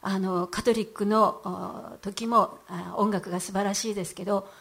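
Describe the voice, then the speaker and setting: A woman's voice: mid-range voice, steady tone, normal speed, fairly bright tone. A middle-aged woman giving a heartfelt church testimony in an earnest voice, with frequent hesitant fillers.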